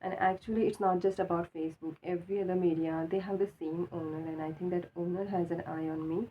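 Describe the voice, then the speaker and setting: A woman with an Indian accent giving a casual, halting, unscripted opinion monologue, repeating herself for emphasis, just awake with a swollen mouth. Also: lowish voice, steady tone. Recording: tinny phone-like sound with faint noise.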